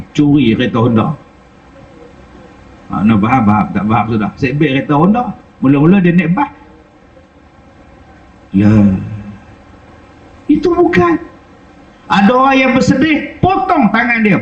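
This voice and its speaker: Animated preacher with a high voice. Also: male voice, dull audio. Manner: lively, rhetorical, questions and repeats for the crowd. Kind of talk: sermon. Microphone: wireless lapel mic.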